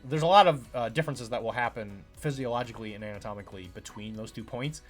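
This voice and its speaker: A chiropractor hosts his own podcast, rambling casually through a monologue full of fillers and acted-out quotes from patients. He talks fast at a medium pitch, over soft background music.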